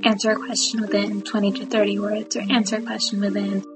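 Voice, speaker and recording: A woman's voice: medium pitch, little pitch movement, fast talker, over music, rough recording. A woman from Toronto, Ontario, answering interview questions casually with small hesitations.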